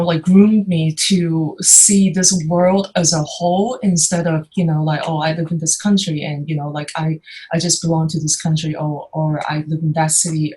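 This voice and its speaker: A woman's voice: deep voice, a little mellow, poor audio. A woman in her thirties, a startup founder moderating an online panel, talking in a chatty way full of fillers. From United States. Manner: chatty, many fillers like "you know, like".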